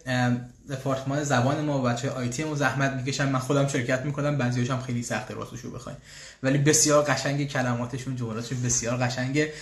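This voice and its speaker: Chatty man in an echoey room. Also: medium pitch. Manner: chatty, pauses with fillers and restarts. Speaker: language school host answering questions. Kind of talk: casual live Q&A. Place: room in Austria, church bells heard.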